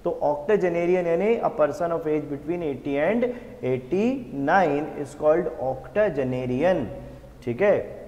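A man teaching an exam-prep vocabulary lesson. He reads English definitions out slowly and repeats each answer back as a question. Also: fairly high pitch, warm tone, big-room sound. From India.

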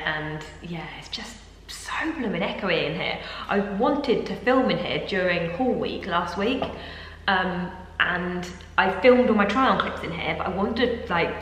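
A woman's voice: lowish voice, moderate pace, fairly bright tone. A young British woman chatting in a rambling vlog style with many fillers, recorded in a sparsely furnished room at home that rings with a big hall-like echo. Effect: big echoing room, long hall-like reverb. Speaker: vlogger. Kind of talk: casual vlog chat. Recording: echoey hall-like room, faint hum.

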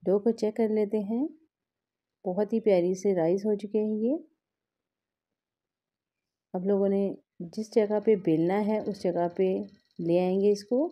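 Speaking at a measured pace with frequent pauses, a woman uses a steady, dark, medium-pitched voice on a recording with the highs cut off. She hosts a cooking vlog, patiently explaining a recipe step by step as her hands work at a home kitchen counter.

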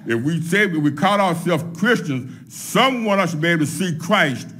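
A middle-aged man preaching a sermon from a pulpit, laying out his points one by one in a measured way. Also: a little high, expressive, pushed and bright, breathy edge. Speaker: pastor. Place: church sanctuary at a pulpit, empty pews behind. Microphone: microphone on a pulpit stand.

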